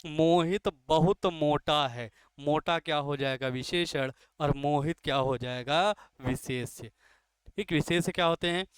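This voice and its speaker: Crisp, dry-toned male teacher. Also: a little high, a little slow, no room sound. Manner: repeats key terms, drills with question and answer. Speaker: Hindi grammar teacher. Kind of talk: exam-coaching lesson.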